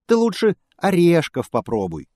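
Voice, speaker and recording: A man doing a squeaky teasing squirrel. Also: wildly swooping pitch, moderate pace, warm tone, dry recording, studio quality. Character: small squeaky female squirrel.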